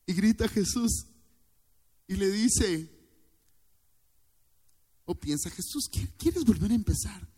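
A man's voice: sits high, takes it slowly, long pauses, dark tone, breathy edge. A male pastor preaching a fervent sermon, calling on the congregation to repeat phrases after him. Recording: long church hall reverb.

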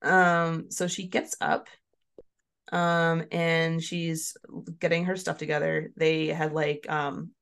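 Young female podcast co-host, low gravelly voice, giggly and loose. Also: little pitch movement, slow, a bit bright. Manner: giggly, filler-heavy, laughs often. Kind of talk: casual book-club chat and reading aloud.

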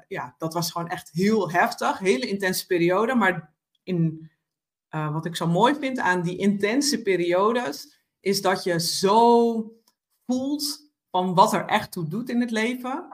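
A woman's voice: lowish voice, a little slow. A woman guest on a podcast, telling her own story in a reflective way with many hesitations and fillers. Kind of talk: personal storytelling in conversation.

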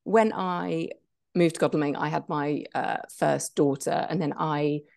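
A woman's voice: low voice, steady tone, a little slow, gravelly, darkish tone. A woman in her thirties, a guest on a podcast, talks chattily with many hesitant fillers. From England. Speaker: guest, business co-founder. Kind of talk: conversational interview.

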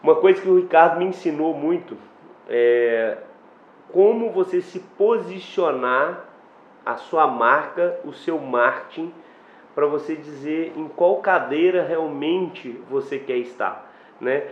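An excited man hosts a podcast and jumps in with quick reactions and questions. His voice sits a touch high. The sound is roomy and slightly dull. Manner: enthusiastic, quick interjections. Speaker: podcast host. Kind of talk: casual podcast interview.

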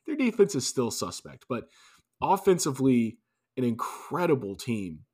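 A man's voice: medium pitch, sing-song, moderate pace, dark tone, breathy edge. Male podcast co-host, mid-range voice, easygoing sports banter with dry asides. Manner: loose, restarting, wry asides. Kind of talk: casual sports chat.

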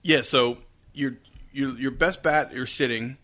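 A man's voice: mid-range voice, a little slow, sharp tone. A man hosting casual sports banter in a home basement, needling his co-hosts with joking questions. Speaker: sports talk host.

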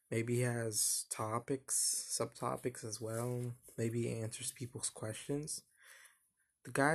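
A young man hosting a casual solo podcast, talking in a flat, monotone voice that rambles and hesitates with lots of fillers. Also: mid-range voice, gravelly. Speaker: podcast host.

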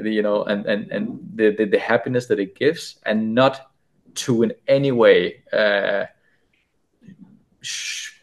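A man's voice: medium pitch, creaky. A man speaking as a podcast guest, telling a story casually, often stumbling and repeating words as he goes.

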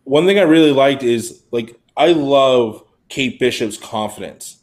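Brief: man in his own everyday voice, mid-pitched, rambling casual podcast chatter. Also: a little slow. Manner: rambling, heavy use of "like". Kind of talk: casual chat about a TV series.

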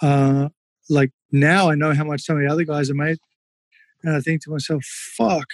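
A man's voice: on the high side, flat delivery, a little fast, no echo. A man, a former kickboxer, telling stories in a casual interview, candid and swearing freely with lots of fillers.

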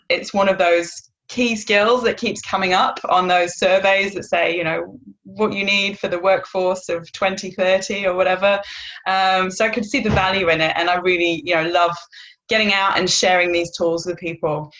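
A woman's voice: lowish voice, fairly even intonation, moderate pace, fairly bright tone. Chatty woman on a dull call line. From North Wales. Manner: chatty, many fillers, laughs easily. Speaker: guest. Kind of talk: casual interview answers.

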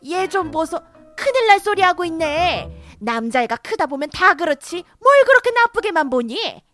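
Lady voicing bossy older mother-in-law, high scolding voice that swoops all over, faint music behind. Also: lively intonation, moderate pace. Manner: scolding, sharp, rising to shouts. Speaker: voice actor in cartoon drama.

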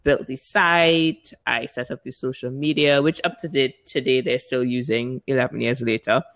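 A woman in her forties from Trinidad and Tobago, speaking with a Trinidadian accent, answers interview questions as the owner of a marketing agency. She has a bass voice and a moderate pace, talking animatedly, laughing often and stretching words for emphasis.

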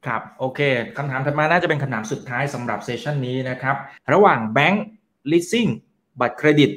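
A man hosting an interview, chatty and lively as he relays viewers' questions. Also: a little high, fairly quick. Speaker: host.

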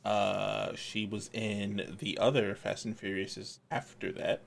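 A man co-hosting a casual podcast, talking in a relaxed, drawn-out way with many pauses. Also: on the low side, gravelly. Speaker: podcast co-host. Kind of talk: casual chat.

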